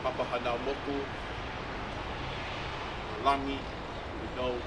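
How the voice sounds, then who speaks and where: A man from Tonga speaks slowly and haltingly, opening with a ceremonial chant. He is picked up from a distance outdoors. Loud traffic noise runs underneath his voice. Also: medium pitch, monotone. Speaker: community speaker. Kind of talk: opening prayer and solidarity speech. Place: outdoors at a city building.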